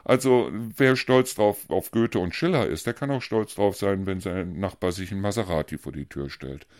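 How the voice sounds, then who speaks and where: A man's voice: deep voice, moderate pace, a little mellow, dry recording, clean studio sound. A man co-hosting a podcast in casual conversation, ranting bluntly and heatedly, hammering his points with repetition. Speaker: podcast co-host.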